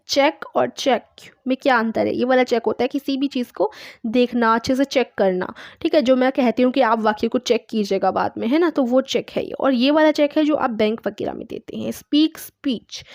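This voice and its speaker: A woman's voice: high voice, no echo, studio quality. A woman teaching a course online, patiently explaining a test step by step with examples and reading words aloud. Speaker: English teacher.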